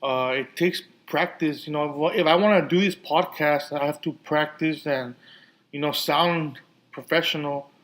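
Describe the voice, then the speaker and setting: A man's voice: fairly high pitch, fairly even intonation, normal speed, fairly bright tone, low-quality recording. A man hosting a casual solo podcast, talking with a lisp and a slight slur, rambling with many restarts and fillers. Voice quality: lisp and slurred speech. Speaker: podcast host.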